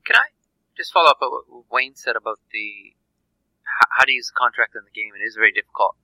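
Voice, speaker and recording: Bright, dry-voiced man, halting podcast talk. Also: medium pitch, expressive, dry recording, low-quality recording. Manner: halting, repeats words, jokey. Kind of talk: casual podcast discussion.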